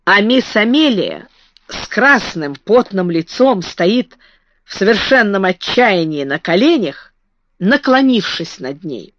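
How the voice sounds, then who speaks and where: A woman reads a story aloud with expressive storytelling. The recording is dry with a slightly dull, muffled tone. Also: medium pitch, slow pace, no echo. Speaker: audiobook narrator. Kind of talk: scripted narration.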